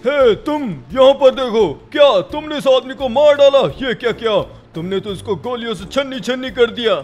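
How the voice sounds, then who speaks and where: A man voicing a stern, accusing police officer in a raised, high voice. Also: quick pace, highs cut off. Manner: loud, accusing.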